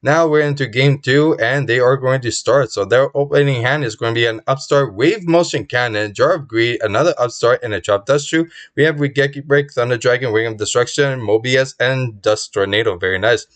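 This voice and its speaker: A man's voice: medium pitch, a bit bright. Man narrating card game plays, voice going. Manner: upbeat, recaps each move with quick verdicts. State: losing his voice. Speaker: channel host. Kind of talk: play-by-play card game commentary.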